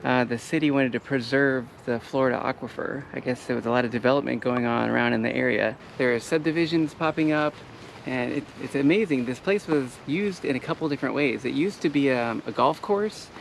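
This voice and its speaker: Man host, gravelly voice, laid-back trail vlog, faint outdoor noise. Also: medium pitch, fairly quick. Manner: relaxed, explanatory, with fillers. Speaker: travel vlogger. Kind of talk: casual hiking vlog chat.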